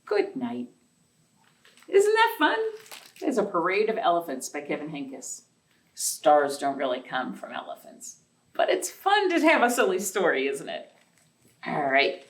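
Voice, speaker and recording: A woman with a lowish voice and wildly swooping pitch hosts a children's library storytime of read-alouds and counting rhymes, unhurried and full of long pauses. She sing-songs questions to the young listeners from a spot away from the microphone in an echoey indoor room.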